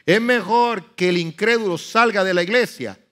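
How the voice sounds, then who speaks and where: A pastor preaching a sermon, swinging from soft murmurs to loud, high outbursts and acting out biblical speech with dramatic emphasis. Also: male voice, moderate pace.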